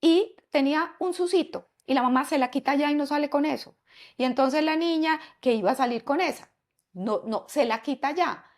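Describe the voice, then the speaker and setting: A woman's voice: high-pitched, moderate pace. A woman psychologist, explaining parenting ideas in a podcast interview, often asking rhetorical questions. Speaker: psychologist and parenting expert guest.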